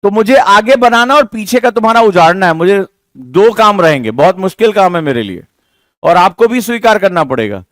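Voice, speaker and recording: A man's voice: high voice, expressive, moderate pace, fairly bright tone, no echo. A man teaching a room of students, with emphatic, rhetorical lecturing that teases and scolds them. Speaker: exam coaching teacher. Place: classroom with students.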